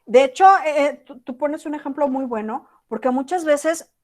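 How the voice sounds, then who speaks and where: A woman's voice: sits high, moderate pace, a little mellow. A woman teacher with a Mexican accent giving an online class, talking casually and acting out example text messages. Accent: Mexican Spanish.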